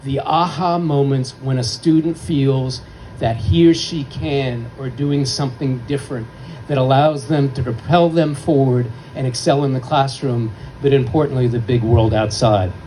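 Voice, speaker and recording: A man's voice: medium pitch, steady tone, normal speed, dark tone, slight background noise, rough recording. A man giving a formal award acceptance speech at a ceremony, earnest and heartfelt, telling a story to make his point. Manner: earnest, heartfelt, emphatic list-making.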